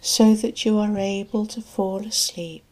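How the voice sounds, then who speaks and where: A woman hypnotherapist narrates a guided relaxation and sleep hypnosis with a soft, breathy, soothing voice of medium pitch and steady tone. She speaks deliberately, leaving long pauses between phrases.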